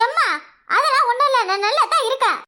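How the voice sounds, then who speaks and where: A woman's voice: very high-pitched, fast, bright, forceful tone. A woman voicing a talkative, sulky younger daughter in a cartoon, whiny and argumentative, with a southern Tamil village accent. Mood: defensive. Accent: southern Tamil Nadu village Tamil. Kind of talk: cartoon voice acting.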